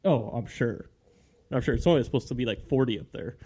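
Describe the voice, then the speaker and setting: A man's voice: medium pitch, a little fast, warm tone, slightly rough. A man from Michigan hosting a casual podcast from his basement, laughing often and bantering with his guest. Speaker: podcast host. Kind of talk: casual chat. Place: home basement. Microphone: studio microphone.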